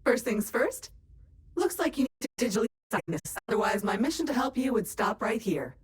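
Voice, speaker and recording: Sex: woman. Figure: a chirpy, helpful female AI assistant in a video game. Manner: perky, playful. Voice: high, very lively pitch. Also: brisk. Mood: wry helpful. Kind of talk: scripted game dialogue.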